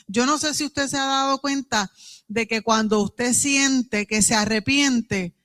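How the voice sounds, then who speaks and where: A woman's voice: fairly high pitch, a little slow, fairly bright tone. Earnest Puerto Rican woman teaching Bible class. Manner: earnest, conversational, with many "¿verdad?" tags. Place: church.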